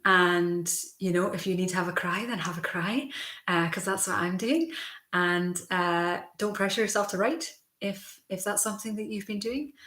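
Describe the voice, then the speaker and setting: A woman's voice: medium pitch, a bit bright. A young woman chatting casually with her viewers on a livestream, rambling with lots of fillers. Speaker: livestream host. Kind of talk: casual chat. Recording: roomy echo.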